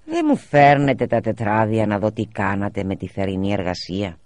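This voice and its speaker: A man voicing a stern, hot-tempered father of three who shouts in a raised voice. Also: fairly low pitch, big pitch swings, no echo.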